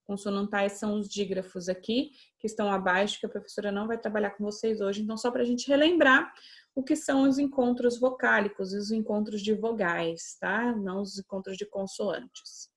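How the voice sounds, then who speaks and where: A young woman teacher with a Brazilian Portuguese accent gives a patient class to children, drawing out her example words slowly and often checking in with them. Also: mid-range voice, steady tone. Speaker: schoolteacher. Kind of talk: remote class lesson for children.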